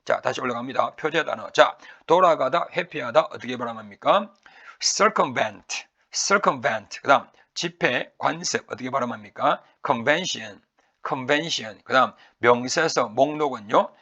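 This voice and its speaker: A male teacher with a Korean accent works through a vocabulary lecture. His voice is bright but rough, with gravel and a husky edge. He drills pronunciation by repeating each word and stretching it out slowly. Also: mid-range voice, lively intonation, muffled recording. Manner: asks and answers his own questions.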